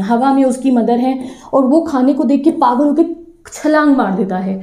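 Mellow-voiced woman teacher retelling a story. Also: a little high, roomy sound. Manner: lively retelling with rhetorical questions to students. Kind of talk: storytelling lesson explanation.

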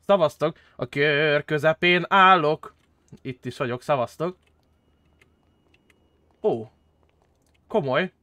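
A young man streaming a role-play game, chatting casually and excitably with friends, swearing often and jumping into high squeals. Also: long pauses, no room sound, studio quality. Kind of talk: casual gaming chat with friends.

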